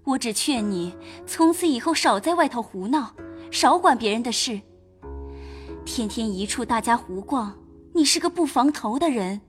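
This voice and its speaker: An actress playing a composed, sensible young lady in an audio drama, speaking in a gentle, reasoning tone. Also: on the high side.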